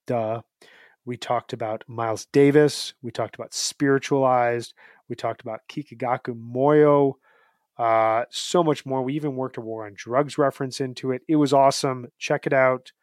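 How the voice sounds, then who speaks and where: Guy in his 30s hosting a podcast, mid voice, dry room, excited and rambly. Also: medium pitch, no echo. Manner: upbeat, rambling, jokey. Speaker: podcast co-host. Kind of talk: casual podcast chat.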